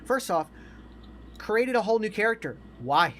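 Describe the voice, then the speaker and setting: A man in his forties co-hosts a podcast, chatting casually about movies in a high, very animated, slightly bright voice at normal speed. He's opinionated and emphatic, repeating himself to drive a point home, with a little hiss or hum on the recording.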